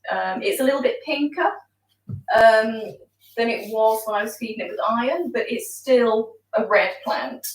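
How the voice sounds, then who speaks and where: A woman's voice: on the high side, normal speed, echoey room, distant mic, poor audio. A woman chatting casually while planting an aquarium, explaining as she goes with frequent ums. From outside Denmark. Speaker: aquascaper.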